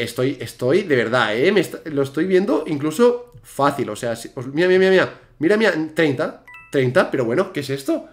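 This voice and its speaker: A young man giving casual let's-play commentary as a gaming YouTuber. He is chatty and excitable, and he repeats words in rapid bursts. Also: on the high side.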